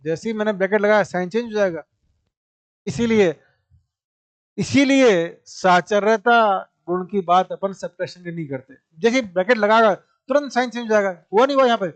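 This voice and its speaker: A man's voice: high-pitched, moderate pace, no echo. A male maths teacher, giving a classroom lecture, explaining step by step, repeating points and asking rhetorical questions.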